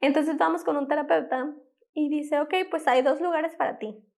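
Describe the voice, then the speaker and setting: A woman's voice: sits high, steady tone, moderate pace, creaky, darkish tone. A young woman, an interview guest telling a personal testimony, acting out the quoted exchanges as she speaks.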